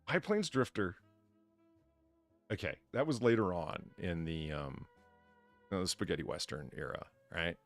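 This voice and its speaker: A man's voice: low-pitched, animated, normal speed, pauses often, soft background music. A man hosting a casual livestream podcast, reading out donations and rambling profanely between topics.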